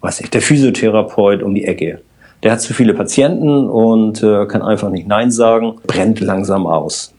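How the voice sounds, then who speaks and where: A man, a systemic coach and podcast guest, explaining his work calmly with everyday examples. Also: on the low side, moderate pace, slightly rough. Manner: explains with everyday examples, addresses host directly. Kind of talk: calm explanatory conversation.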